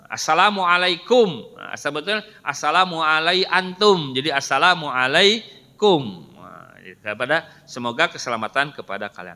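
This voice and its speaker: A man's voice: fairly high pitch, bright, forceful tone. A man, teaching a Quran lesson in a mosque and patiently drilling words for the congregation to repeat. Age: 50s. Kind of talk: mosque study lesson with call-and-response drills. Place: mosque hall. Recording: long reverb of a mosque hall.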